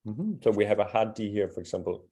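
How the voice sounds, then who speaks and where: A man's voice: fairly low pitch, fast talker, warm tone. A man teaching a live beginner language class, patient and encouraging as he explains pronunciation step by step. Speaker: Danish teacher.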